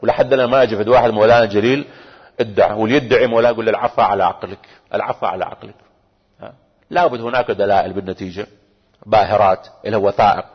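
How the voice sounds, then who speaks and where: A man's voice: fairly low pitch, rapid-fire, breathy edge. A man preaching a religious sermon, speaking straight to his listeners, repeating phrases for emphasis and rising into fervent, chanted salutations. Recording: lo-fi recording with long hall reverb.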